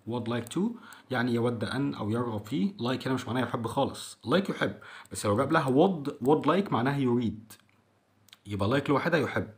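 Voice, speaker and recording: This is a young adult man with an Egyptian Arabic accent who teaches English vocabulary to children. He says each new word several times over in a voice of ordinary pitch. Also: brisk.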